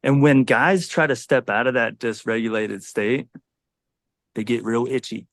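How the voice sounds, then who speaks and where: A man's voice: mid-range voice, measured pace, a bit bright, no room sound, clean studio sound. A man in his forties, a Navy SEAL, talking earnestly and reflectively in a podcast conversation.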